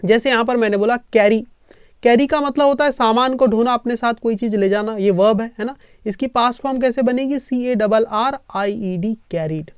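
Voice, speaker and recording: A man's voice: very high voice, smooth, dry recording, studio quality. A man teaching English through a story, explaining word by word and checking in with listeners as he goes. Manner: keeps checking in with listeners, spells words letter by letter slowly. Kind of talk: explaining a reading lesson.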